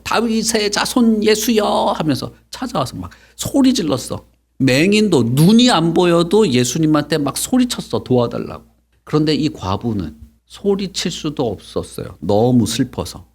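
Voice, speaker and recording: A middle-aged man preaching to children at Sunday school, telling the story with lively questions and acted-out lines. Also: fairly high pitch, normal speed. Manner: animated, acts out quotes, asks children questions. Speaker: pastor teaching Sunday school.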